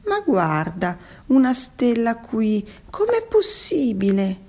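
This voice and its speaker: A woman's voice: fairly low pitch, lively intonation, dark tone, husky, full character voice. A woman voicing a smug, discontented squid in a children's story, haughty and mocking. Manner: haughty, drawn-out mocking tones.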